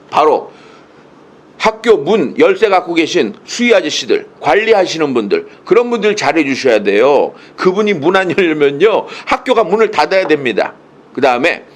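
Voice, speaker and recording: A man giving a humorous lecture over a video call, telling stories in a playful, teasing way and acting out the quotes. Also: a little high. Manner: playful, teasing storyteller who acts out quotes. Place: indoors, speaking to a monitor.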